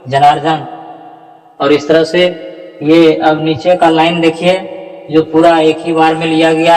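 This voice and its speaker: A man teaching the correct pronunciation of scripture verses, chanting them slowly, syllable by syllable, and correcting others' mistakes. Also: on the high side, in a large hall, rough recording. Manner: slow, deliberate, drawn-out syllable-by-syllable chanting of verses. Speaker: Gita recitation teacher. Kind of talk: slow explanatory lesson on Sanskrit pronunciation.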